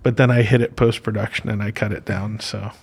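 A man's voice: on the low side, little pitch movement, fairly quick, gravelly, darkish tone, breathy edge. A man hosting a casual podcast interview, talking in a chatty, jokey, informal way. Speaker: podcast host. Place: podcast studio.

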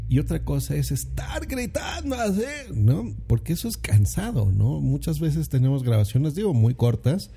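Guy rambling on his podcast, gravelly and husky, dark mellow voice, condenser mic at home. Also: medium pitch, normal speed, hardly any pauses, faint music behind. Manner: relaxed, rambling with many fillers and tag questions. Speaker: podcast host. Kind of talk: casual solo podcast talk. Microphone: condenser microphone.

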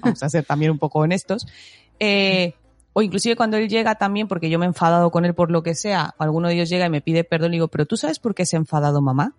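A woman in her thirties chatting about parenting, telling stories with animated acted-out quotes. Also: on the low side, quick pace, no echo, soft background music. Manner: animated storyteller, acts out quotes with laughter. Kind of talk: casual parenting chat.

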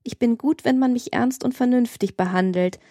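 A woman voicing a calm, self-assured young woman in an audiobook love scene. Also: on the high side, normal speed, no room sound, studio quality, lightly acted. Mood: measured. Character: cool composed young noblewoman.

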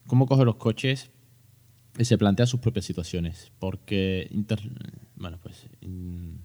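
A man in his thirties with a Spain Spanish accent talks on his podcast into a close mic. His voice sits a little low. He is chatty and joking, full of fillers and restarts. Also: takes it slowly, warm tone. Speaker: podcast host. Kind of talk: casual educational podcast talk.

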